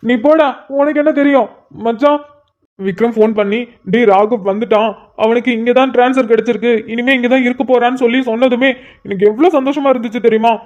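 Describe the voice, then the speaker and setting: A woman's voice: a little high, quick pace, a little mellow, close to an everyday voice. A woman voicing a sentimental young man who is emotional and pleading, in a cartoon. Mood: tearful. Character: tearful sentimental young man meeting an old friend. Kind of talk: cartoon voice acting. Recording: slightly muffled lo-fi audio.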